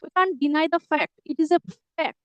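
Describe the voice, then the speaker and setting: A middle-aged woman teaching English explains things earnestly in a conversational lesson dialogue, repeating herself to drive her points home. Her voice sits high and moves briskly, with a dry, echo-free but lo-fi sound.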